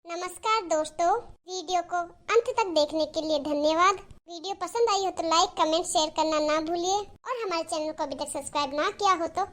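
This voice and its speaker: Very high-voiced woman narrating a cartoon story. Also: normal speed, few pauses, a bit bright.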